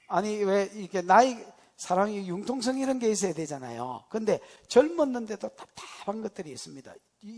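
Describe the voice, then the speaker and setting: A pastor preaching a sermon in a church, swinging dramatically between shouting and hushed whispers. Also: male voice, sits high, breathy edge. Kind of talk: expository sermon. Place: church sanctuary. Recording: reverberant church hall.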